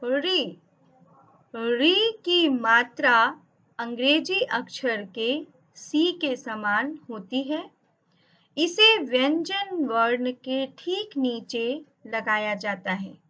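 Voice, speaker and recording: A woman teaching over slides, speaking slowly and carefully and drawing out each sound she spells. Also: high voice, expressive, bright, forceful tone. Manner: drawn-out, emphatic spelling of sounds. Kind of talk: slow, careful lesson narration over slides. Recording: dull lo-fi audio.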